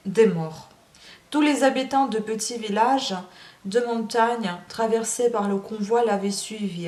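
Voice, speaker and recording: A woman with a mid-range, slightly mellow voice works as an audiobook reader. She reads a classic novel aloud in a language that isn't her first, not French, then chats hesitantly with plenty of fillers, emotionally admitting she cried while reading.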